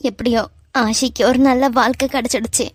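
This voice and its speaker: A woman voicing a worried, quiet young woman with a Kanyakumari Tamil accent, in a cartoon love story. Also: on the high side, steady tone, a little fast, background noise, lightly acted. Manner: quiet, hesitant. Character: worried young woman, timid but fair.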